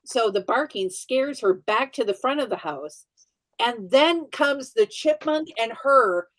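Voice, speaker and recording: A woman hosting a casual chat while building, telling a story with animated energy and mimicking voices. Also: on the high side, measured pace. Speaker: host.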